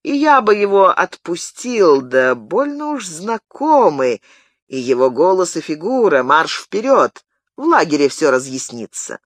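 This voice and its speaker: A man's voice: fairly high pitch, very animated, a little slow, dry recording. A man reading an audiobook, voicing a harsh, contemptuous cavalry commander who gives orders. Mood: mocking.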